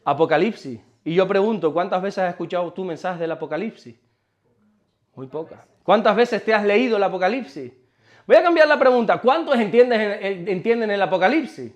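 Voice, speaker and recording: High-voiced preaching pastor. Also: male voice, lively intonation, brisk, highs cut off. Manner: emphatic, asks the congregation questions, repeats words when stumbling. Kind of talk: sermon.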